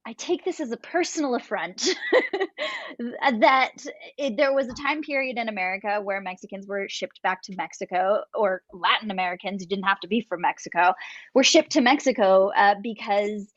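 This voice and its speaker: A woman's voice: mid-range voice, normal speed, no room sound, lo-fi sound. A young woman from Los Angeles sharing her background on a discussion panel, chatty and self-deprecating, laughing often. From Los Angeles, California. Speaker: panelist, actor.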